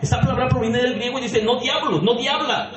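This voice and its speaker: A man preaches a sermon with a high, bright-edged voice, pressing his points and calling out questions to the congregation. His voice rings in an echoey church sanctuary with a faint hum of ambience behind it. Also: brisk, lo-fi sound. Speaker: pastor.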